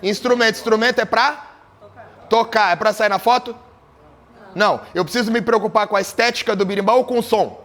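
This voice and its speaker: A man's voice: high-pitched, fairly even intonation, fairly quick, a bit bright. A man leading a capoeira workshop, asking the group questions and joking as he explains tuning. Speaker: capoeira teacher. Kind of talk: workshop teaching. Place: group class with berimbaus.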